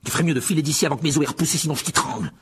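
A man voicing a young boy wizard in an audiobook drama, asking sharp, demanding questions. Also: mid-range voice, big pitch swings, quick pace, breathy edge, exaggerated voice.

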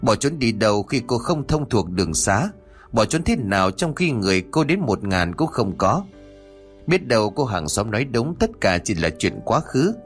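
A man narrating a dramatic horror story in a steady, scripted reading. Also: on the low side, normal speed. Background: faint music.

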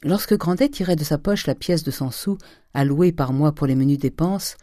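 A measured, steady audiobook reading of a classic novel. The tone is dark and mellow, and the recording is dry with no room sound. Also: medium pitch, dry recording. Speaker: audiobook reader. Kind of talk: scripted narration of a classic novel.

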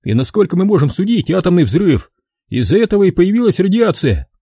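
A man's voice: high-pitched, big pitch swings, a little fast, dark tone, slightly rough, dry recording, studio quality, pitched above the performer's own voice, full character voice. A man voicing a cheeky young soldier who mocks and rattles on like a know-it-all. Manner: sly, mocking, rattles on.

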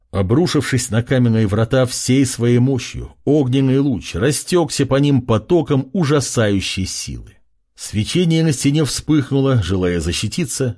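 Expressive, husky male storyteller. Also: medium pitch. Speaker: audiobook narrator. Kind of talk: scripted narration of a fantasy story.

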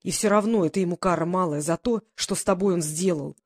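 A woman's voice: on the low side, fast talker, no room sound, clean studio sound, close to an everyday voice. A woman voicing an anxious, stern older mother who scolds her grown daughter in an audiobook. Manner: pleading, then stern and scolding.

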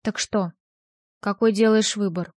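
A woman's voice: mid-range voice, fairly even intonation, measured pace, darkish tone, no echo, studio quality, natural voice. A woman voicing a jealous, vengeful young man in an audiobook, speaking in a cold, mocking way. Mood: menacing.

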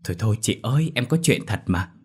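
A man's voice: lowish voice, animated, fast talker, breathy edge. A man voicing a cheeky young man who whines and yelps in fright, in a told ghost story. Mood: pleading. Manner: whiny, shouts in fright.

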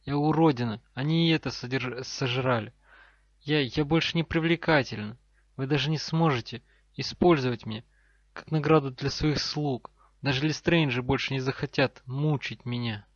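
Voicing a shattered female prisoner who is devoted to her lord, a man pleads through tears, his delivery trembling and broken by sobs. He has a natural, mid-range voice and keeps a moderate pace. There is no echo, and the sound is dry and a little dull.

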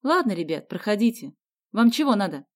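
A woman's voice: mid-range voice, very animated, fairly quick. A woman voicing a nerdy teenage boy who talks casually and offhandedly. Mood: offhand.

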